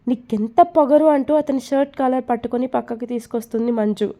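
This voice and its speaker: A woman reading a romance story aloud as narrator. Her voice is fairly high yet mellow and soft. She keeps a steady storytelling pace. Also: quick pace.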